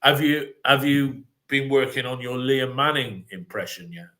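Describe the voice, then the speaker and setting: Bright-voiced podcast host, teasing. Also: male voice, mid-range voice, lively intonation, moderate pace. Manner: teasing, steers the talk. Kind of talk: casual football podcast chat.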